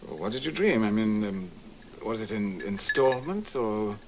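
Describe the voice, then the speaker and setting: A middle-aged actor playing a suave American scholar and host, with a wry, urbane manner, in 1960s film acting. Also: male voice, on the low side, animated, a little slow, slight background noise.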